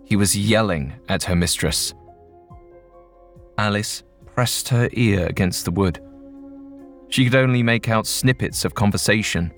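A man narrating a ghost story in a measured, suspenseful storytelling manner. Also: fairly low pitch. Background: faint music.

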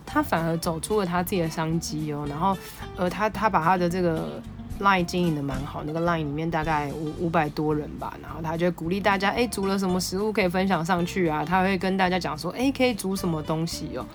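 A woman with a Taiwanese Mandarin accent hosting a podcast, telling a story in an animated, excitable way. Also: lowish voice, fast talker, over music. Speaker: podcast host. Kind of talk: casual storytelling monologue.

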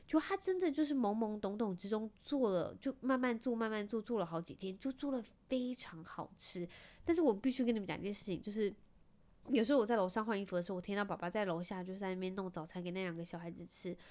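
A woman in her thirties with a Taiwanese Mandarin accent hosts a casual chat, spilling family stories at a brisk clip. Her tone is wry and self-mocking, and she drops English words in here and there. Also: medium pitch, a little mellow. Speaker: podcast host, mother.

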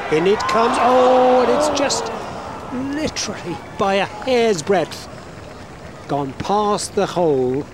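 A man's voice: on the high side, heavy background noise. A man commentating live on golf as a commentator, building suspense in short running phrases.

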